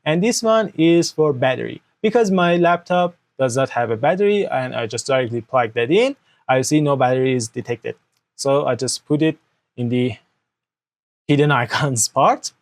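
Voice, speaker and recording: A young man who speaks Persian as his first language hosts a screen-recorded software tutorial from his desk indoors, using an external mic. His medium-pitched voice has lively intonation and a moderate pace as he explains step by step, often asking "okay?" and using non-native grammar.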